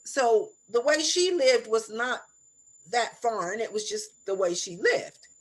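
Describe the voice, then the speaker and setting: A woman in her seventies reminiscing in conversation as an interview guest, reflective and deliberate, repeating phrases for emphasis. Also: a little high, low-quality recording. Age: 70s. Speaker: interview guest, elder sharing life stories.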